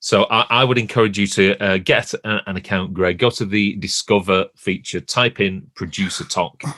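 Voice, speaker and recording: Male co-host, fairly low voice, conversational and halting, very dry recording. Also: fairly even intonation, bright, forceful tone, no room sound. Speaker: podcast co-host. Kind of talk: casual podcast chat.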